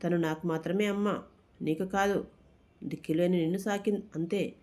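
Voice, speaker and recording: A storybook narrator voicing a cruel, violent young man who threatens harshly, in a mellow, dark voice. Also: mid-range voice, steady tone, normal speed, lightly acted. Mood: threatening. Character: cruel, violent young male thug, villain's son.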